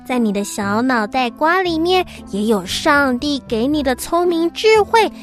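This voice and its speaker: High-pitched woman presenting to small children over music. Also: measured pace. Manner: animated, addressing small children as if reading to a toddler.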